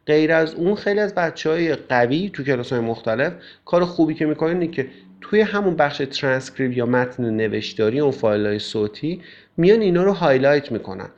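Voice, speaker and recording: A man's voice: a little high, expressive, darkish tone. A male English teacher explains step by step how to study with a textbook, often using filler sounds. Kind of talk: classroom explanation. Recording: slightly dull, lo-fi recording.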